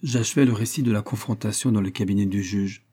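Male audiobook narrator: low pitch, dark timbre, measured storytelling delivery. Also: husky. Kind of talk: scripted narration of a novel.

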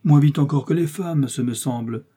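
A man's voice: mid-range voice, moderate pace, dark tone, breathy edge, pitched above the performer's own voice, natural voice. A man voicing a vain, boastful musketeer who speaks in a pompous, self-important manner, in a storybook reading. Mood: aggrieved.

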